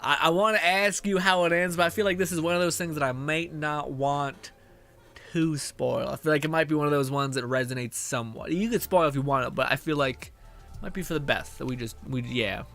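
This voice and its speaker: A man's voice: on the high side, brisk, vocal fry, a bit bright, faint music behind. A man chatting casually on a game stream, rambling and slangy as he reads chat. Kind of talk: casual live-stream chat over gameplay.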